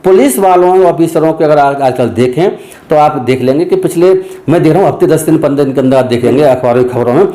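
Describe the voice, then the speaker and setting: A man speaking as a former judge in a news interview, indignant and emphatic, firing off rhetorical questions. His voice sits a little high but sounds dark and mellow. The echo of the room is clearly audible. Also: fast talker.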